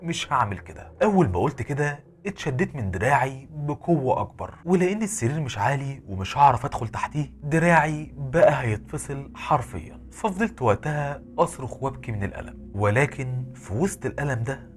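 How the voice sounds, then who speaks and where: A man with an Egyptian Arabic accent narrating a horror story in a dramatic, animated way. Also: mid-range voice, brisk, slight background noise.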